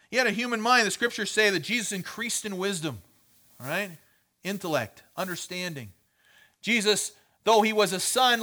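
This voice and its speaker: With a sharp, high-pitched voice, this pastor keeps his sermon conversational; he repeatedly checks in with listeners and says words more than once while thinking out loud.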